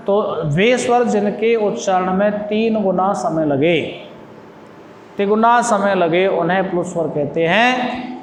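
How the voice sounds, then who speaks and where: High-pitched male teacher in echoey classroom. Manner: slow, repetitive dictation pace. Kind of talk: classroom lesson. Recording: echoey classroom with long reverb, faint noise.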